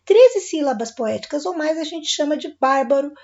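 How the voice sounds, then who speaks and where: A woman's voice: high-pitched, animated, moderate pace, a little mellow, dull audio. A woman with a Brazilian Portuguese accent teaching a recorded lesson, friendly and checking in with her students.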